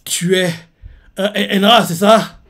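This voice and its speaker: Dude doing a tough old granny fighter, a bit higher, defiant. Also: male voice, steady tone, measured pace, fairly bright tone.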